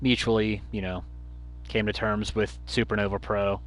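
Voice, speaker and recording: A man's voice: fairly low pitch, flat delivery, normal speed. A man working as a wrestling commentator, calling play-by-play in clipped, punchy phrases. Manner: clipped, punchy move-by-move calls.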